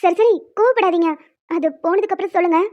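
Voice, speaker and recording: A woman's voice: very high-pitched, quick pace, muffled recording. A woman voicing a timid, tearful young woman in a cartoon, talking in a pleading way. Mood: nervous. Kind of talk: cartoon voice acting.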